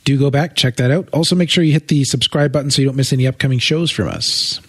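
A man co-hosting a podcast, explaining things in a thoughtful, measured way with long winding sentences. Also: medium pitch, slightly rough, dry recording, clean studio sound. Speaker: co-host. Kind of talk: casual explanatory chat.

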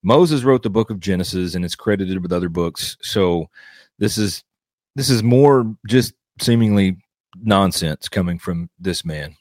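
A man's voice: low voice, animated, unhurried, darkish tone, no echo, clean studio sound. A man hosting a podcast, critically explaining and rebutting a sermon clip he has just played, repeating his points.

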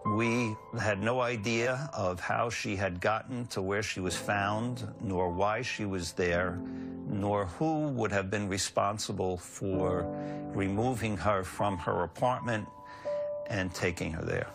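Male detective interviewee, formal and deliberate, unhurried pace, lower register, music underneath. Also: gravelly. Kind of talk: documentary interview recollection.

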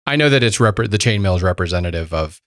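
A man's voice: low voice, fast, no echo, studio quality. A man co-hosting a podcast, chatting enthusiastically about a TV series and acting out his reactions. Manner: enthusiastic, animated retelling with acted asides. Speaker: podcast co-host. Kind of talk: casual chat about a TV series.

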